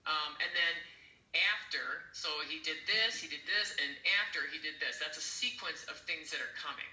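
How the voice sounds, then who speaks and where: A man teaching an interpreting class online, animated and emphatic, acting out examples as he explains. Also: fairly high pitch, normal speed, roomy sound, low-quality recording. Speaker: interpreting instructor.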